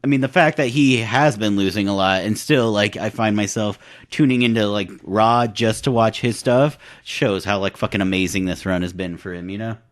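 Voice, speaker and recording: A man's voice: fairly low pitch, normal speed, hardly any pauses. A man co-hosting a podcast in casual chat, laid-back and hedging with many "like"s. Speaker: podcast co-host.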